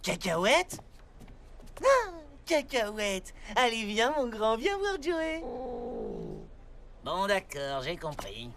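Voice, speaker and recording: Brash young cartoon boy hero, high lively voice. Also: takes it slowly, pauses often, slight background noise, heavily acted. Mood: bold. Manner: brash, bold. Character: plucky young boy hero, cat owner. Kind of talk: cartoon dub acting.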